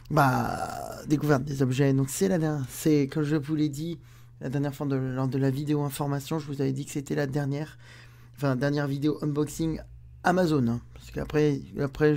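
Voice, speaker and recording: A man with a fairly high-pitched yet dark-toned voice hosts an unboxing video at home, chatting casually to the camera and grumbling aloud as he unwraps things.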